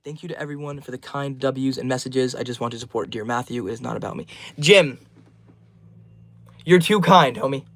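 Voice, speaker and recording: A man's voice: mid-range voice, a little fast, a bit bright, no room sound. A twenty-year-old man live streaming, reading out chat names and answering each message in a friendly, upbeat way. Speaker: livestreamer.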